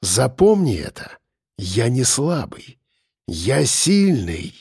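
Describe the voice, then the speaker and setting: A man voicing a menacing male cannibal captor who speaks quietly, slowly and coldly. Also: medium pitch, expressive, husky, no room sound, clean studio sound. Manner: quiet, slow and icy. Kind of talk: audiobook character voice.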